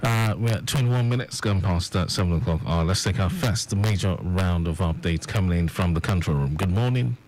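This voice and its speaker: Deep-voiced male radio host. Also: a little fast, few pauses, darkish tone. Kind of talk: live traffic show presenting.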